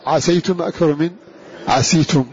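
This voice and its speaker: A man giving a measured lecture on Quran readings, repeating verse lines slowly before explaining them. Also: a little high, fairly even intonation, darkish tone. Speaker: Quran recitation teacher. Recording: dull lo-fi recording with clear hiss.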